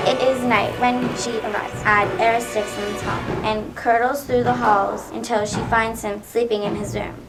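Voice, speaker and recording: A woman narrating a myth in a clear, dramatic storytelling voice for a school play. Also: a little high, poor audio.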